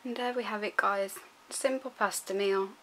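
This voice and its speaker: A woman's voice: mid-range voice, steady tone, normal speed, music in the background, poor audio. A young woman vlogging casually from her home kitchen, chatty and apologetic as she talks to the camera. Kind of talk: casual vlog chat.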